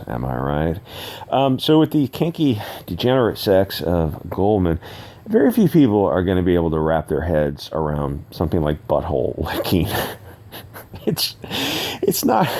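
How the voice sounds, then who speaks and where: A man's voice: low-pitched, darkish tone. A man hosting his own channel, talking in a rambling, sarcastic commentary with frequent hesitations. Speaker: channel host. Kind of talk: casual solo commentary.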